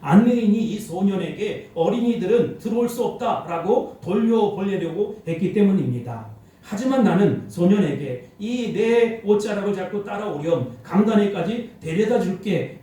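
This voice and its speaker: A man voicing a kind, gentle preacher who takes a crying boy by the hand, told within a sermon. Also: high voice, expressive, moderate pace. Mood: addressing crowd. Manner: gentle, warm. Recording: echoey church hall, mic at distance.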